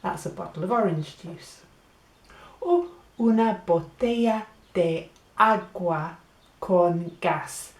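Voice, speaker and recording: Slow, patient woman teacher, echoey room. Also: on the low side, darkish tone. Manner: slow, clear, patient explaining with words repeated. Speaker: language teacher. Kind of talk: beginner language lesson.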